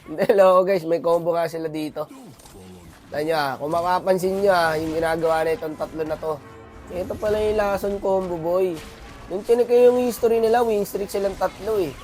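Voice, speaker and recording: Male gamer, high-pitched, hoarse from a cold, chatty slangy game commentary over faint music. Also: fairly quick, a little mellow. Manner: chatty, slangy, addresses viewers often. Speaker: gaming commentator. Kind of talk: casual gameplay commentary.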